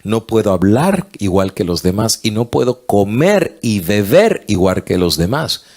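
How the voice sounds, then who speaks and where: A dignified twelve-year-old prince answers calmly, as a preacher puts him on. He speaks slowly in a low, soft, solemn voice. The story is told within a sermon. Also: exaggerated voice.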